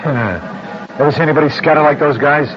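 An actor playing a jittery, despairing infantry soldier grieving a buddy in an old radio war drama. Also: male voice, on the high side, a little fast, lightly acted. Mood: bleak. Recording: dull old radio recording, faint noise.

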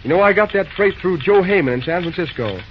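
Busy young railroad dispatcher, old radio show, brisk slangy talk, muffled hissy old recording. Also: male voice, sits high, lively intonation. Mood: businesslike. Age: young adult. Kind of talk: old-time radio drama acting.

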